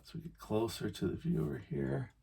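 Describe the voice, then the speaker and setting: A man giving a gentle, unhurried painting demonstration, thinking aloud as an instructor with pauses between short phrases. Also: mid-range voice, creaky, breathy edge.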